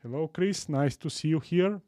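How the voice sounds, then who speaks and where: A Bulgarian man in his forties hosting a live tech stream, enthusiastic and warm toward viewers, often repeating himself as he goes. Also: a little high, moderate pace, dry recording, clean studio sound. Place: home studio room. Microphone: studio mic on boom arm.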